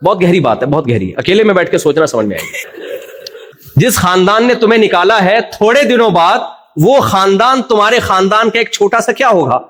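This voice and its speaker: A man delivers a religious lecture with a somewhat high voice. His manner is jovial and teasing, slipping into mock voices for his examples. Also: expressive, fairly bright tone. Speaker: Islamic preacher. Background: audience laughter.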